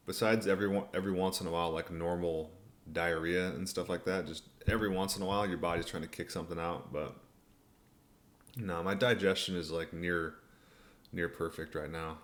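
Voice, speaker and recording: A man hosting a casual livestream Q&A, talking in a laid-back, colloquial way as he reads and answers viewer comments. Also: low-pitched. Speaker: livestream host.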